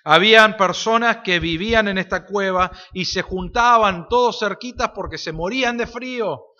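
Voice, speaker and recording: High, bright-voiced preacher. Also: male voice, moderate pace. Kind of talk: sermon with storytelling. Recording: reverberant hall, dull lo-fi sound.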